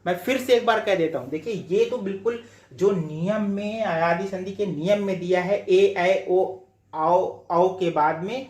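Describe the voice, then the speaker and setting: A man teaching a grammar lesson for exam study, repeating each rule and often checking whether it is clear. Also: high-pitched, moderate pace, darkish tone. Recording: roomy echo.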